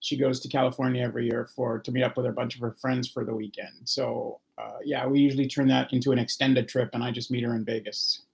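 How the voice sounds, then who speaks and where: Brief: man co-host, gravelly voice, rambling, loose casual chat. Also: medium pitch, flat delivery, quick pace, few pauses. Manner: rambling, restarts phrases.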